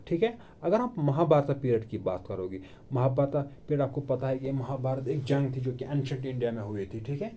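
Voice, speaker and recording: A man's voice: mid-range voice, warm tone. A man giving an exam-prep history lecture in Hindi mixed with English terms, asking questions and answering them himself. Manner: asks and answers his own questions, repeats key terms. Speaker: exam coaching teacher. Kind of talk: classroom lecture. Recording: online video lecture.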